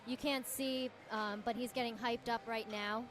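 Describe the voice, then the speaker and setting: A woman's voice: a little high, steady tone, normal speed. A woman giving casual live sports commentary in a supportive, encouraging way.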